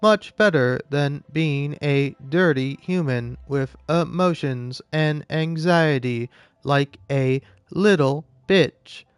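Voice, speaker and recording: A man voicing a sarcastic, self-mocking male robot in a slow, flat monotone while commenting on a game. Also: fairly high pitch, clean tone, dry recording. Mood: deadpan. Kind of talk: gameplay commentary.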